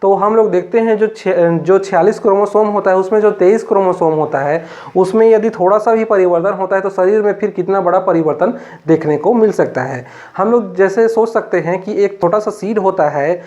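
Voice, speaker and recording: Male biology teacher, Chhattisgarh Hindi accent, high voice, repetitive step-by-step explaining, muffled lo-fi recording. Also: darkish tone. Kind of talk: classroom lecture.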